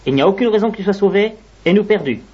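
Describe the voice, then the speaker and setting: Woman playing a husky bossy ant general. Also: mid-range voice, animated, racing, dull audio. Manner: commanding, blustering.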